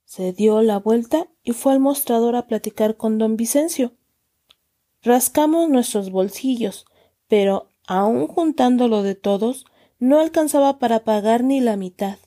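A woman reading a children's story aloud in calm storybook narration, acting out the dialogue. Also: fairly high pitch.

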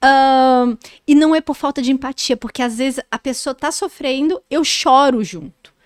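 A woman from Brazil, a podcast co-host, telling a personal story in casual chat with halting restarts. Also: high voice, no room sound, studio quality.

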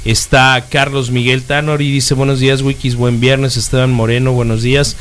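A man's voice: mid-range voice, flat delivery, normal speed, fairly bright tone, a little hiss or hum. A man co-hosting a casual talk show, reading out listener comments and making dry quips. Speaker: co-host. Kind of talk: casual chat.

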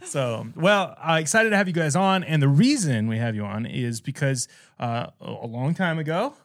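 A man's voice: on the high side, lively intonation, moderate pace, no echo. Man, podcast host, jokey and rambling, laughs a lot, dry close sound. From American Midwest. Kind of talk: casual interview chat.

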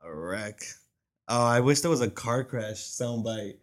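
A young man co-hosting a casual podcast chat, telling stories in a relaxed way and imitating people's voices in his anecdotes. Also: medium pitch, a little slow. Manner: laid-back storyteller, mimics voices in anecdotes. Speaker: podcast co-host.

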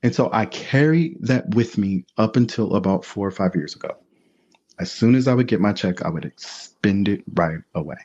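A man telling his life story as a podcast guest, candid and animated, acting out other people's voices as he goes. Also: on the low side, normal speed. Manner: animated, acts out voices in quotes. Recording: dull lo-fi sound.

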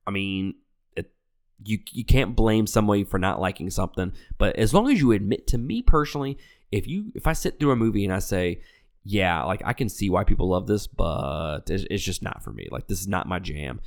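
Brisk and animated, this low-voiced man runs a movie review podcast while stuffed up and nasal from being sick. His casual chat wanders, full of self-corrections and restarts, and stays loose, conversational, and profane.

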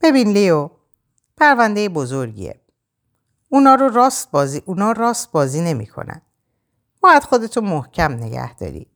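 A man's voice: high-pitched, big pitch swings, gravelly, long pauses, fairly bright tone, full character voice. A woman narrator voicing a man who firmly advises the heroine to stay strong. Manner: firm, urging. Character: male adviser, firm and reassuring.

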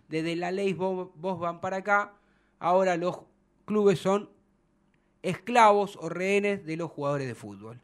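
A man with an Argentine Spanish accent hosting a football talk show, arguing his points emphatically and acting out quotes. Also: high-pitched. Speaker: radio sports show host.

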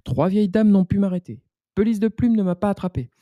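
Boastful storybook pancake put on by a man, taunting singsong, higher pitch, dark mellow tone. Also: expressive, fairly quick, no room sound. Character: cheeky boastful runaway pancake. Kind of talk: bedtime story voice acting.

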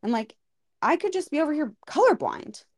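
A woman's voice: high voice, very animated, a little fast, no echo, clean studio sound. A woman co-hosting a podcast about hair styling, chatting casually and animatedly with lots of filler words. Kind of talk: casual chat.

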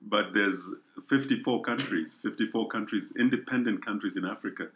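A man's voice: fairly low pitch, normal speed, fairly bright tone. A middle-aged man from Kenya, sharing his personal testimony as an interview guest, earnest and repeating words as he thinks.

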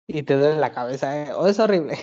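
A man's voice: a little high, expressive, a little fast, dark tone. A man with a Mexican Spanish accent hosting a casual podcast chat, talking loosely with many fillers. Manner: chatty, hesitant fillers, laughs often. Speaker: podcast host. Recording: lo-fi recording.

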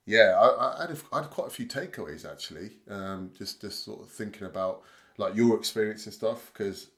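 Male podcast host, low voice, casual, hesitant and rambling. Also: expressive, fairly quick. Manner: rambling, hesitant with many fillers and restarts. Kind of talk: casual chat.

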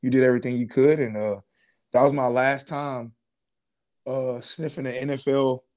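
A man's voice: mid-range voice, moderate pace. Laid-back young man telling his story. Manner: relaxed, casual slang, many fillers and restarts. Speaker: guest, former pro football player. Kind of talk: casual interview storytelling.

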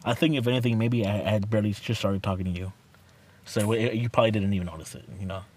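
A man in his twenties in casual podcast chat, slangy and excitable, repeating words and stumbling as he goes. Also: lowish voice, quick pace. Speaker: podcast co-host. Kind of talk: casual chat between friends, with swearing. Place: inside a car. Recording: noisy, recorded inside a car.

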